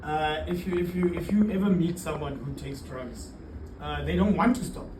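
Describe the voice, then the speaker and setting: A middle-aged teacher, born in Zimbabwe and raised in the UK and South Africa, answers casually as an interview guest. His voice is a little high and moderately paced. The recording is roomy and noisy, captured from a distant mic.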